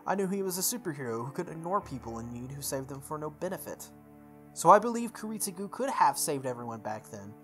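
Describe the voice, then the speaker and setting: Someone with a medium-pitched, fairly bright voice reads visual novel text aloud for a playthrough, very animated and talking fast. They stumble over words, repeat phrases, and toss in offhand asides while music plays in the background.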